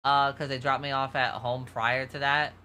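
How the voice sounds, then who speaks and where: A man's voice: medium pitch, little pitch movement, normal speed, pushed and bright, slight background noise. A young man with a New York accent, chatting casually as a streamer, rambling and losing track of his story. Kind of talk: casual chat.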